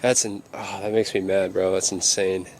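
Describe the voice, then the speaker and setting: A man's voice: low voice, level tone, normal speed. Male car vlogger, casual frat-bro delivery full of slang, slightly noisy location sound. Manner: frat-bro slang, swearing, hyped-up dude talk. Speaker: host of a car project vlog. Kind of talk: casual vlog chat.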